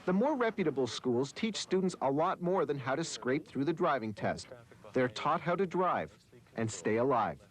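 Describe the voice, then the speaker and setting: A man narrating a TV news segment in a crisp, measured reporter style, heard from a worn tape copy. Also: fairly high pitch, big pitch swings, poor audio.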